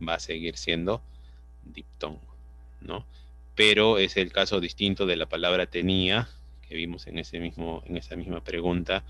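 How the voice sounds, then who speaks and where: A man's voice: low-pitched, little pitch movement, moderate pace, creaky, pushed and bright. A man with a Peruvian Spanish accent teaching an online class, explaining patiently and often checking understanding with tag questions. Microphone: computer mic on a video call. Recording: dull lo-fi video call audio.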